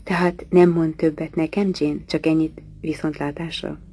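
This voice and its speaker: A woman reading the part of a brusque, teasing wealthy middle-aged English gentleman in an audiobook, gruff and bantering. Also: deep voice, level tone, dry recording. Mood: wistful.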